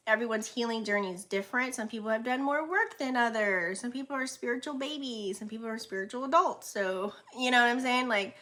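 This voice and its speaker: A woman's voice: medium pitch, bright, forceful tone. A woman doing a casual astrology and tarot reading for her viewers, chatty and slangy, laughing often and acting out reactions, her speech a little muffled by a retainer.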